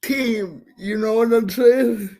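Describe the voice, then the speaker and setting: Very slow, stuttering woman host. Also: on the high side, warm tone. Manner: heavy stutter with many repeated sounds. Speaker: show host. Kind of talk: casual live-stream chat. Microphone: video call setup.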